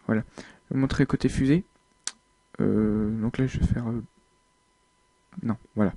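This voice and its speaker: A man's voice: lowish voice, fairly even intonation, moderate pace, vocal fry, mellow, no room sound. A man giving casual, hesitant gameplay commentary, thinking aloud with many fillers. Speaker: video game uploader.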